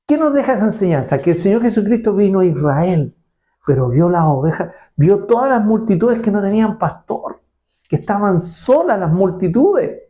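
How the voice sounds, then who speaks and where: Man preaching with a mellow, dark tone. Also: sits high. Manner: rhetorical questions, repeats words and checks the listeners. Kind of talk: sermon.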